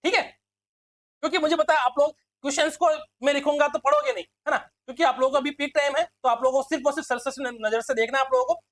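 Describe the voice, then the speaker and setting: A male teacher running a quick exam quiz lesson, repeating himself and constantly calling his listeners friends. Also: very high-pitched, fairly bright tone, dry recording. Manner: fast, repetitive, keeps addressing listeners as friends.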